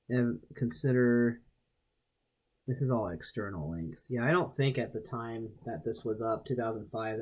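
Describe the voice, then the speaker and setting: A young man casually reading a web page aloud and reacting, rambling with restarts and sudden jumps in pitch. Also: warm tone.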